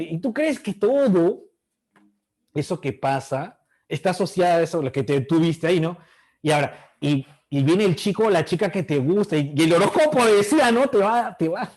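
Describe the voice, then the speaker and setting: A man's voice: high-pitched, very animated, normal speed, a little mellow. A middle-aged man teaching an online class, asking the students questions and acting out their voices.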